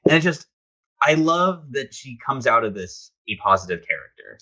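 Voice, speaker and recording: A man's voice: mid-range voice, sing-song, pushed and bright, dull audio. A man co-hosting a casual podcast chat about comics, enthusiastic and opinionated. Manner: enthusiastic, opinionated, quick asides. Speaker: podcast co-host.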